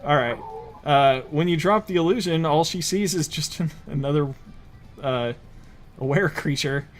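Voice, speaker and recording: A slightly high-pitched man narrates a tabletop game as game master. His delivery is casual, improvised and halting, with faint music underneath.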